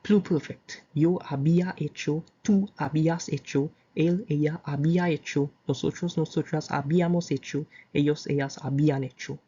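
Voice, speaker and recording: A Caribbean-accented teacher giving a language grammar lesson, reciting verb conjugations slowly and adding short explanations. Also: medium pitch, fairly even intonation, warm tone, breathy edge, highs cut off. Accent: Caribbean English. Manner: slow, deliberate reciting of conjugations with asides. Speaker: Spanish teacher.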